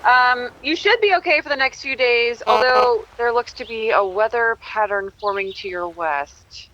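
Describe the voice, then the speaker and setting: An actress voicing an eager woman on a crackly satellite phone, her voice fairly high and bright while the line dulls it and pushes it into the distance. She keeps breaking in with quick exclamations, as if straining to be heard over the call. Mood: concerned. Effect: satellite phone line, slightly dull and distant. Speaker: friend on the phone.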